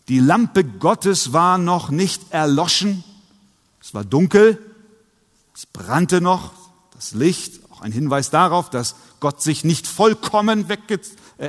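A man's voice: on the high side, a bit bright, in a large hall. A man preaching a sermon, retelling a story and acting out the voices of its figures.

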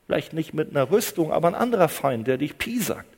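A man delivers a sermon dramatically, sinking into hushed, low phrases and then rising to loud, emphatic cries, repeating lines for emphasis. His delivery is fast and sing-song, and a long reverb tail trails behind his words.

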